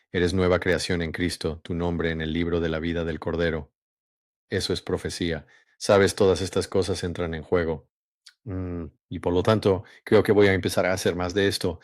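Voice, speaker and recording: The host of a religious channel, a man with a low voice, gives an unhurried, measured monologue full of hums and pauses before reading a story aloud. The recording is studio quality with no echo.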